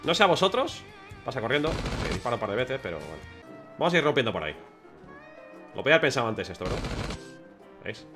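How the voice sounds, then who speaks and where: A man with a Spain Spanish accent giving chatty, excitable live gameplay commentary to his viewers. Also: mid-range voice, quick pace, pauses often, music in the background. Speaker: gaming streamer.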